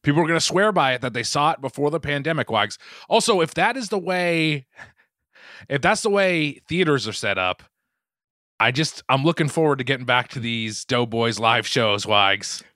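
Male podcast host, Boston accent. Sharp, dry-recorded voice, halting repeats, loose joking talk. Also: mid-range voice, animated, dry recording. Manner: stammering, repeats words as he starts sentences. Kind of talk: casual comedic chat.

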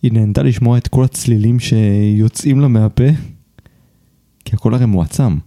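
Male podcast host, very dark mellow voice, dry close sound, calm explaining. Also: on the low side, dry recording. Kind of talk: scripted podcast narration and casual chat.

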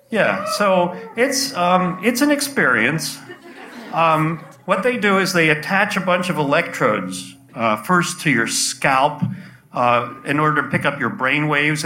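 A man's voice: on the high side, pushed and bright, reverberant. A man in his sixties from the United States, telling a personal story live on stage to an audience, chatty and playful with asides to the crowd, heard on a poor-quality live recording. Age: 60s.

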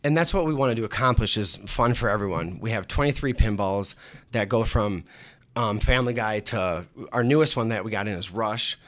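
A man's voice: fairly low pitch, a little fast. A man visiting a radio studio as a restaurant owner, describing food in a plain, friendly, slightly hesitant way. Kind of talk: casual chat.

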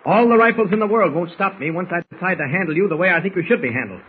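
A stern government agent hero, voiced by an actor, who gives orders firmly in a fairly high voice. The recording is a dull, slightly noisy old radio broadcast. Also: male voice, very fast, natural voice. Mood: threatening. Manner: firm, commanding. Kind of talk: 1940s radio acting.

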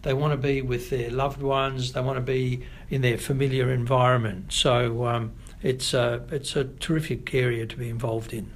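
A middle-aged Australian family doctor answers podcast interview questions in a measured, thoughtful way, pausing frequently. His voice is mid-range with a level tone.

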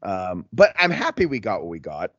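A man with a fairly low voice co-hosts a podcast in loose, casual talk. His intonation swings widely as he rephrases his thoughts, in a dry, slightly muffled recording. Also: huge pitch swings, normal speed, a bit bright, no room sound. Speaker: podcast co-host. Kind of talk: casual chat.

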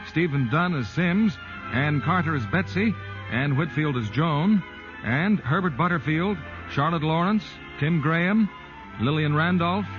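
A man's voice: fairly high pitch, lo-fi sound. A man announcing in a formal, clipped 1940s radio style, heard as an old radio broadcast. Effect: old 1940s radio broadcast sound.

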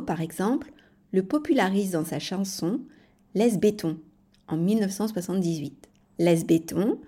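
A woman presenting a scripted French-language podcast lesson, explaining clearly and spelling out examples letter by letter. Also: medium pitch, dark tone.

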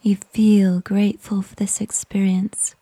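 A woman narrating a guided nature relaxation story in a soft, breathy whisper, unhurried and soothing, with long pauses between short phrases. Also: medium pitch, flat delivery, no room sound.

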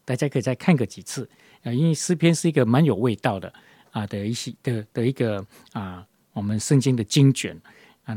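Husky man sharing a devotional. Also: medium pitch, darkish tone, no echo, studio quality. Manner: rambling, many fillers and restarts. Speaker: devotion leader.

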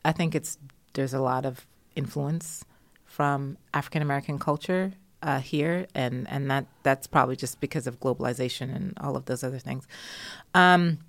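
Low-voiced woman from Jamaica, thoughtful. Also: moderate pace, no room sound. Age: adult. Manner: thoughtful, with frequent laughter and fillers. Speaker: interviewee. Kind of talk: conversational interview.

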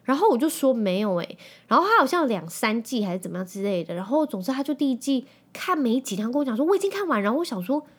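A woman in her thirties with a Taiwanese Mandarin accent, hosting a podcast in a chatty, animated way and dropping in English phrases. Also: on the high side, quick pace, slightly rough. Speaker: podcast host. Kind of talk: casual chat.

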